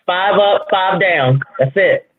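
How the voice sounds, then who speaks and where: A man's voice: high voice, slow pace, dry recording. A playful man chats on a podcast and throws in sound effects. His voice comes through a tinny, narrow line that sounds like a phone call. The sound is very dry, with no room around it. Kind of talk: casual podcast chat.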